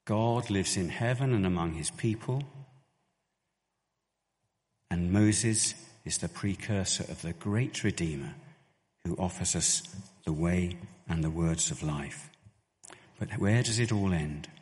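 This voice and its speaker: A man's voice: low-pitched, slow, long pauses. Man preaching in a reverberant hall. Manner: earnest, animated, rises sharply when quoting scripture. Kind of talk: sermon.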